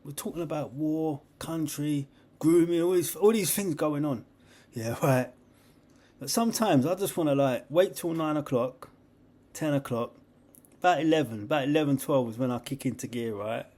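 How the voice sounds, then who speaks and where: A young man, hosting a podcast in a rambling, excitable monologue full of slang and laughter. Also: fairly high pitch, normal speed. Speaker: podcast host. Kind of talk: casual monologue.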